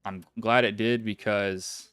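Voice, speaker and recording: A man's voice: fairly low pitch, steady tone, fairly bright tone, smooth, dry recording. A man hosting a sim racing livestream, chatting casually and reading out the finishing order. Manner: casual, quick, reads results in a list. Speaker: race broadcast host. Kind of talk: livestream race coverage.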